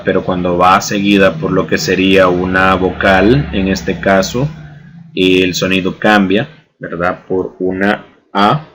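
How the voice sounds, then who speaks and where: A man's voice: low-pitched, a bit bright, low-quality recording. A male teacher giving a bilingual spelling lesson, repeating each word twice and often adding "¿verdad?". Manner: mixes Spanish and English, often adds "¿verdad?".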